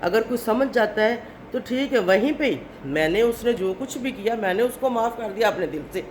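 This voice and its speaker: A woman's voice: a little high, expressive, slight background noise. A woman from Pakistan, a family vlogger, speaking straight to camera in an indignant, lecturing way and often tagging her points with "okay?". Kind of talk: to-camera vlog monologue.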